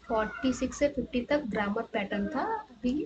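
High-voiced woman teacher, exam walkthrough. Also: highs cut off, background noise. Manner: reads English options slowly, explains rapidly in between. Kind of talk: exam answer-key walkthrough.

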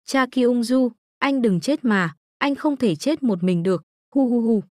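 A woman's voice: on the high side, animated, unhurried, a little mellow, dry recording, clean studio sound. A woman voicing a desperate young man who pleads frantically for his lover. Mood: frantic. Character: desperate young man in love, pregnant son.

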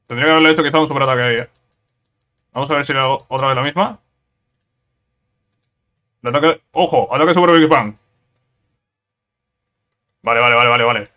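A man commentates his own gameplay in a casual let's-play style, his voice bright and pitched in the middle range. He talks in excitable bursts, repeating words and tacking on quick tag questions. Keyboard clicks can be heard behind him. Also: smooth.

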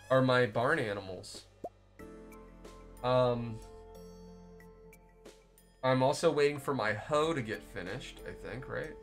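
A young man live-streaming a game, chatting loosely with viewers, rambling and swearing as he plays. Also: mid-range voice. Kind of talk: casual live-stream chat while playing.

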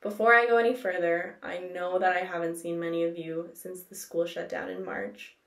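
A woman's voice: fairly low pitch, level tone, moderate pace, creaky, a bit bright, roomy sound, far from the mic. A young woman valedictorian giving a lighthearted graduation speech at home. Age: young adult. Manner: joking, lighthearted. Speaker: class valedictorian. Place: room at home.

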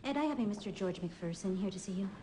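An actress playing a quirky, officious office assistant in a TV comedy-drama, with an oddly formal way of talking. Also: female voice, mid-range voice, animated, fast talker, noisy background, natural voice. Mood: cheerful. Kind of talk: naturalistic TV comedy-drama acting.

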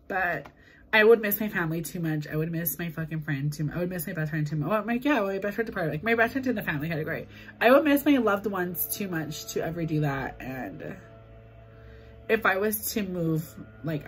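A woman's voice: on the low side, poor audio. Young woman rambling through a tearful vlog. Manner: halting, emotional, filler-heavy with lots of "like". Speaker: vlogger. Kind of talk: confessional vlog to camera.

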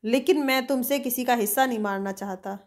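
A woman's voice: a little high, brisk, close to an everyday voice. Storybook shopkeeper, middle-aged man, courteous and genial, voiced by a woman. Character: polite middle-aged shop manager Ubatun.

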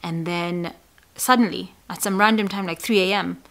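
A woman psychologist explaining a mental health topic to camera, speaking emphatically and dropping to soft, breathy asides on key points. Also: fairly low pitch, fairly even intonation, normal speed. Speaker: psychologist hosting an educational channel.

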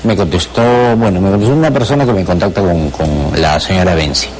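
A man's voice: sits low, fast talker, darkish tone, slight background noise. A middle-aged man with a Peruvian Spanish accent, a former lawyer who is a guest in a TV studio interview and speaks hesitantly, with many fillers and repeated words. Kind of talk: television interview. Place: television studio.

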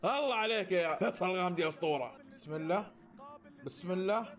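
A man reacting live to a football match, excitable and often breaking into shouted cheers. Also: high voice, fast.

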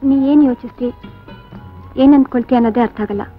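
A brisk, fairly high-voiced village wife, acted by a woman, earnest and plain-spoken. Her lines come through a tinny, narrow old film soundtrack with soft music underneath. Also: close to an everyday voice. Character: caring rural woman, firm with husband, adult. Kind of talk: 1970s Indian film dialogue.

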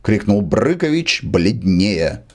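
A man narrating a classic short story with an expressive literary reading. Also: lowish voice, takes it slowly. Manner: expressive reading, lively intonation.

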